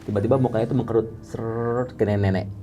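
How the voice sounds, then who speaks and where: A makeup artist from Depok, Indonesia, tells a story as an interview guest, using casual slang and vividly mimicking tapping sounds like "tek, tek." His voice is low, steady, and warm, his pace fast, with a little hiss or hum.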